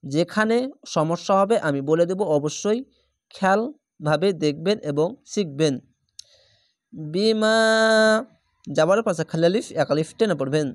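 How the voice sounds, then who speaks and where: A man with a Bangladeshi Bengali accent teaching Quran reading rules step by step, with slow drawn-out recited examples. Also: on the high side, a little mellow, no echo, studio quality. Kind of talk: spelled-out Quran recitation lesson.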